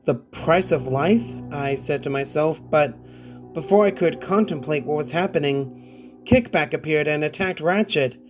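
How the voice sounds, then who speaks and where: A man narrates a scripted horror story. His voice sits a little high, and music plays softly underneath. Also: normal speed. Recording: music bed behind the voice. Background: background music.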